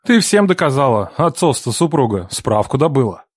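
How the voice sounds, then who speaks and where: A woman's voice: very deep voice, sing-song, normal speed, husky, no room sound, clean studio sound, voice pushed down, full character voice. A woman reading an audiobook, voicing a cold, resentful man who is a former lover, with curt, clipped lines. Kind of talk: audiobook character voice.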